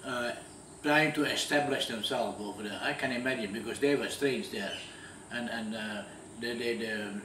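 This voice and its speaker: Here the same kind of speaker, an Indonesian man in his eighties, has a medium-pitched, sharp-toned voice at a moderate pace. Recalling his wartime life for an interviewer, he frequently restarts and repeats himself, captured on a distant mic with roomy echo and faint hum.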